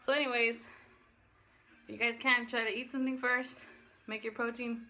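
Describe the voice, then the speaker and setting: A woman's voice: fairly high pitch, flat delivery, normal speed, sharp tone. A woman fitness vlogger talking casually in a rambling, slangy way, breathless from exercise. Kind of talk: casual chatty workout vlog.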